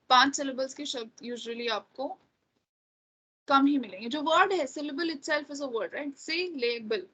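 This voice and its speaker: Woman, husky, high-pitched, online lesson, slow careful explaining. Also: a bit bright, low-quality recording. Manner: explains slowly, checks with "right?". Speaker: English teacher. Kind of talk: exam-prep lecture in Hindi and English.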